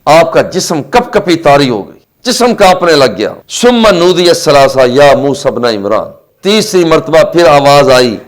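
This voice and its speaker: A man with a Pakistani Urdu accent delivering a Friday sermon with impassioned oratory, chanting Arabic quotations slowly. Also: on the high side, sing-song, poor audio. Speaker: preacher.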